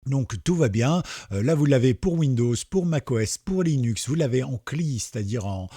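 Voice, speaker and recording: A man's voice: mid-range voice, animated, normal speed, dark tone, husky, no echo. A man hosting a casual tech tutorial, chatty and joking, with many fillers and asides. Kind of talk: casual screen-recorded tutorial.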